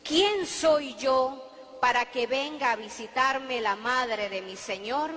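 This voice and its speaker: A woman reading a scripture passage in a slow, solemn manner. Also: high voice, a bit bright, long reverb tail.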